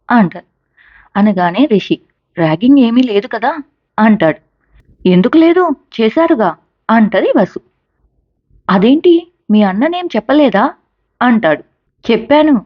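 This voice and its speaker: A woman's voice: on the high side, expressive, a little slow, long pauses, no echo. A woman narrating a romantic story and voicing each character's lines, lifting her voice expressively for the dialogue. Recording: dry, slightly dull home recording.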